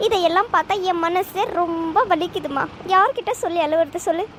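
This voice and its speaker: Woman doing a cartoon mother-in-law, melodramatic, indignant, self-pitying, very high voice. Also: a little fast, fairly bright tone, a little hiss or hum. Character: scheming, doting middle-aged Tamil mother-in-law. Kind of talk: cartoon voice acting.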